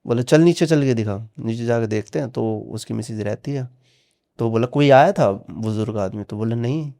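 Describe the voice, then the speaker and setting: A man with a mid-range, creaky, warm voice casually retells a horror story on a podcast at normal speed. He acts out the dialogue, tagging lines again and again with "he said."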